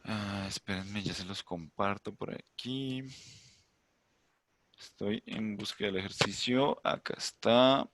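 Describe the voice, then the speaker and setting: A man's voice: fairly low pitch, fairly even intonation, slow, a bit bright, dry recording. A man teaching an online English class, explaining chattily with asides and rhetorical questions.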